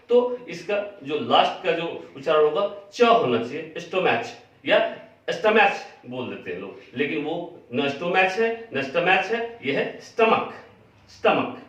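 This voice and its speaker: A man teaching English pronunciation in a spoken lesson, spelling words out letter by letter and repeating the correct form slowly. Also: on the high side, fairly bright tone. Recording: very echoey, distant, dull sound.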